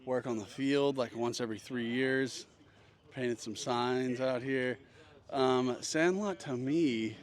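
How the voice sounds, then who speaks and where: Slow, laid-back man in his thirties. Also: mid-range voice. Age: 30s. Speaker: interviewee. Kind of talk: casual interview.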